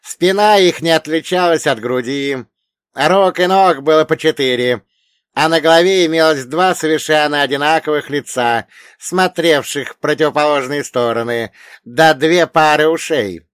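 A man's voice: on the high side, moderate pace, fairly bright tone, clear, resonant tone, no room sound, clean studio sound, voice pushed up, natural voice. A man voicing a learned old dead grandfather who lectures with a mocking, grumbling manner. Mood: lecturing.

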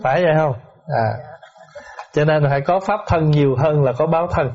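A middle-aged Buddhist monk, giving a dharma talk and patiently answering questions with rhetorical asides. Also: male voice, on the high side, moderate pace, crowd noise. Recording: dull lo-fi lecture recording.

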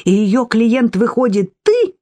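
A woman doing a shrill jealous hysteric, Lidia. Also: big pitch swings, measured pace, dark tone. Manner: shrieking, screaming.

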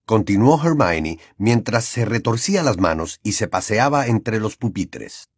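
A man narrating a dramatized audiobook in an even storytelling delivery. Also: on the low side, a little slow, husky, dry recording, studio quality.

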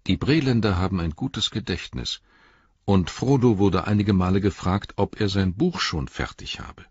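A man reading a novel aloud as an audiobook narrator, in lively storytelling manner. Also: deep voice, normal speed, slightly rough, dry recording. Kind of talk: scripted narration. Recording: dull lo-fi recording.

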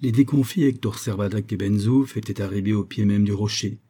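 Male audiobook narrator, low-pitched husky voice, steady plain reading. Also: brisk. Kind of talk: scripted narration of a classic novel.

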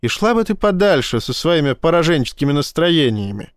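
A man's voice: fairly high pitch, big pitch swings, no echo, studio quality, pitched above the performer's own voice. A man voicing a spirited, brash young woman pilot in an audiobook. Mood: defiant. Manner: brisk, feisty.

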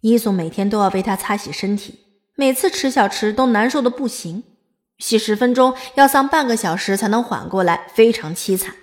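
A woman's voice: a little high, moderate pace, dry recording, clean studio sound. A woman reading scripted narration as the narrator of a dramatised audiobook.

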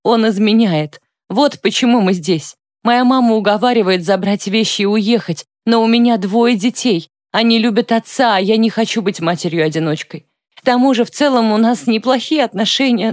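A woman's voice: medium pitch, normal speed, a little mellow, no room sound, clean studio sound, pitched above the performer's own voice, natural voice. A woman voicing a distressed, tearful woman near forty who speaks in a trembling voice. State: crying, trembling voice.

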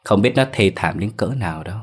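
A man's voice: sits low, expressive, fast talker, husky. Man doing a cold sneering kidnapper. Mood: menacing.

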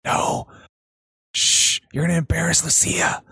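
A man playing in a tabletop game, playful and quick to laugh. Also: fairly high pitch, flat delivery, sharp tone, husky. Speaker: player.

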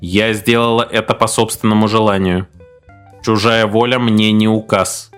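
A man voicing a defiant wish machine that speaks in a creaky, mechanical voice, slow and measured, as in audiobook narration. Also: fairly low pitch, steady tone, fairly bright tone, soft background music, close to an everyday voice.

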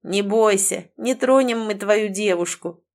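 A woman voicing a big, scarred male bandit who talks in a slow, sneering, taunting way. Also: medium pitch, a little mellow, natural voice. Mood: menacing.

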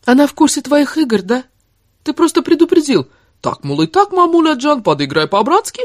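Woman narrator doing an angry, wounded young woman in an audiobook; high, loud, biting. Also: expressive, normal speed, no room sound, clean studio sound. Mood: furious. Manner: shouting insults, biting sarcasm. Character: furious sarcastic young woman, wounded and defiant.

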